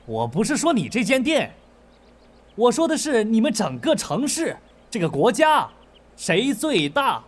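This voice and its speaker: A cocky, smug young schemer. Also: male voice, very high-pitched, huge pitch swings, unhurried, breathy edge, heavily acted. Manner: boastful, smug. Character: cocky modern young man stuck in ancient-times game. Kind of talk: TV comedy drama acting.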